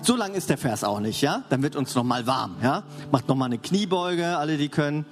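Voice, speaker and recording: Lively preacher man in a big hall. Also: a little high, fairly quick. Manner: lively, conversational, asks the congregation for agreement. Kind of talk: sermon. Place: large church hall. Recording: long hall reverb, faint music behind.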